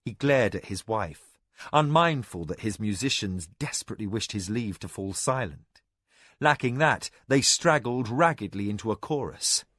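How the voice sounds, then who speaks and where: A man narrating a fantasy novel as an audiobook, in a measured, expressive way. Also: fairly low pitch, no room sound, clean studio sound.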